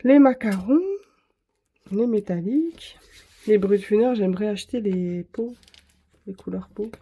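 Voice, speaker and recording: A woman's voice: mid-range voice, unhurried, mellow, husky. A woman vlogger chatting casually to camera, rambling and correcting herself as she shows her art supplies. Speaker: craft vlogger.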